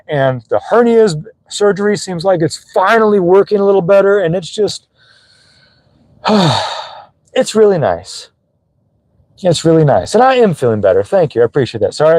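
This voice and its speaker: Young male vlogger, slightly high voice, dry close phone sound, earnest and emotional motivational talk. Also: darkish tone, no echo, poor audio. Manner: earnest, emotional, swearing casually. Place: gym.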